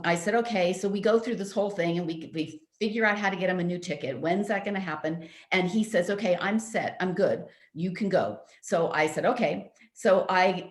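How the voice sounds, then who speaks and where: A woman talking in a chatty, animated storytelling way, often saying "like" and "you know", who slows down and turns reflective when she explains a teaching. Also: medium pitch. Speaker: spiritual talk host. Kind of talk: personal storytelling talk. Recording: roomy echo.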